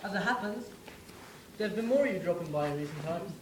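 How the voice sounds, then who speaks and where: Here a man voices the ghost of a young English WWI soldier, delivering a wry, conversational theatrical monologue aimed straight at the listener. His high voice is expressive and fast. The audio is poor, with an echoey room and a little hiss or hum.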